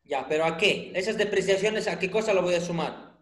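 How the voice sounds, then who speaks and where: A man's voice: high-pitched, a little fast. A man teaching a finance class online, quizzing students by name and teasing them with dry jokes when they stay silent. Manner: questioning, teasing humor. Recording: roomy echo.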